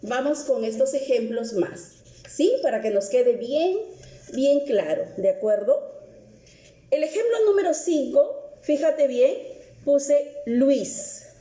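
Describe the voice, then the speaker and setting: Patient woman English teacher with a Peruvian Spanish accent, slow delivery, recorded in an echoey room. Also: high voice, expressive, warm tone. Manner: slow, patient, repeats each example. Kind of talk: recorded video lesson.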